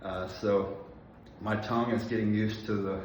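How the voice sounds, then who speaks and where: A personal trainer in his forties chats casually between sets at an indoor gym, out of breath yet enunciating carefully and using lots of fillers. His voice is lowish with fairly even intonation and a normal pace. The recording sounds echoey, distant and dull, with slight background noise.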